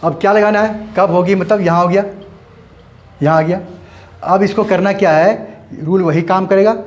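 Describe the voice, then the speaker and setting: A man's voice: sits high, fairly even intonation, moderate pace. Upbeat man teaching grammar step by step. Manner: repetitive, explains step by step while writing. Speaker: English teacher. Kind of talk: Hindi-medium grammar lesson.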